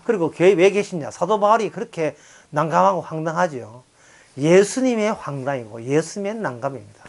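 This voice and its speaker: A man, a pastor, lectures on the Bible in an animated style, his Gyeongsang Korean accent clear as he voices quoted characters and laughs softly. The voice is a little high and the pace brisk.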